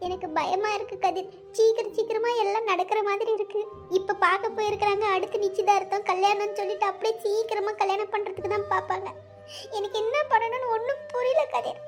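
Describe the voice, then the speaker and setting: A woman's voice: very high voice, level tone, quick pace, faint music behind. A woman voicing a tearful, lovesick young woman in a cartoon, speaking. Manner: tearful, pleading. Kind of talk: cartoon voice acting.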